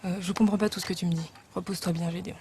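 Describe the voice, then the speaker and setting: Period film young slave woman actress: gentle, lovelorn, mellow middle-pitched voice, faint noise behind. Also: fairly even intonation, rapid-fire, natural voice. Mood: wistful, shy.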